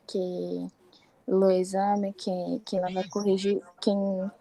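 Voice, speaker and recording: Slow, hesitant woman student. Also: medium pitch, little pitch movement, creaky, dark tone, poor audio. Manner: hesitant, searching for words. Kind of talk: classroom question.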